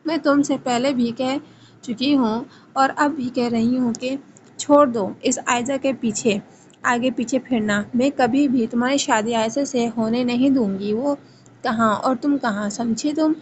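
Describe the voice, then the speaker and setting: A woman's voice: on the high side, fairly even intonation, a little hiss or hum, close to an everyday voice. A woman reading the lines of a stern mother scolding her grown son in a novel reading. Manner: scolding and sharp.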